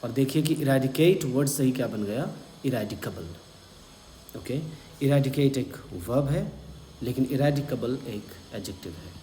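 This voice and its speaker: A man with an Indian accent teaching an exam-prep vocabulary lesson, slowly spelling out words and repeating them. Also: mid-range voice, darkish tone. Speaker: English teacher. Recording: echoey room with faint hum.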